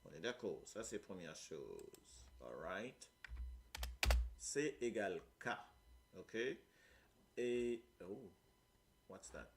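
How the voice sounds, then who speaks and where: A man's voice: sits low, expressive, extremely slow, pauses often, a little hiss or hum. A man with a Mauritian accent teaching a Creole lesson, explaining patiently and often checking that his listeners follow. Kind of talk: live language lesson.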